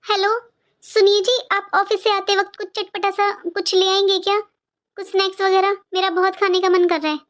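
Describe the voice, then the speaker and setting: In an animated cartoon, a woman voices a sad young pregnant daughter-in-law, speaking at normal speed in a very high voice. Her delivery is plaintive, complaining, and full of self-pity.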